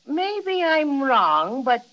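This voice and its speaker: A little male toy bear with a high voice, fussy, careful and earnest. It comes from a 1930s children's radio serial, with the dull sound of an old transcription. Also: very animated, very slow, sharp tone, heavily acted. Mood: earnest, cautious. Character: small, cautious, friendly male stuffed toy bear.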